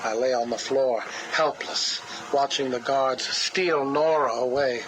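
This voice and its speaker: A cold, grieving scientist who measures every word and lingers on his loss. He is heard through the hiss of a played-back cassette tape. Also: mid-range voice. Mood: mournful. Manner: slow, controlled, mournful delivery. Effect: played back from a cassette tape recording. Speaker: interview subject. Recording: hissy cassette tape playback.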